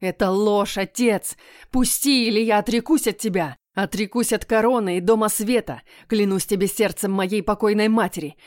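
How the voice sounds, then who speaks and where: A woman's voice: mid-range voice, steady tone, moderate pace, a little mellow, no room sound, lightly acted. A desperate young prince, crying out and begging in a raised, anguished voice, as read by a woman. The recording is close and dry, like a home audiobook booth. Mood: defiant. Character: desperate young prince pleading for his beloved. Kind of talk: audiobook character voice.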